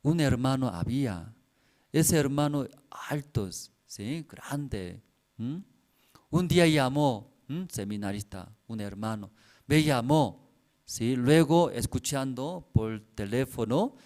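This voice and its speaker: Slow-speaking pastor telling a story. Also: male voice, medium pitch, a little mellow. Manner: simple phrasing with constant "¿cierto?" tag questions. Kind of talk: storytelling sermon.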